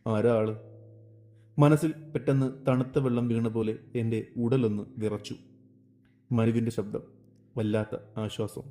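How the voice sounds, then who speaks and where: Male storyteller, dark mellow tone, slow emotional storybook narration. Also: mid-range voice, fairly even intonation, faint music behind.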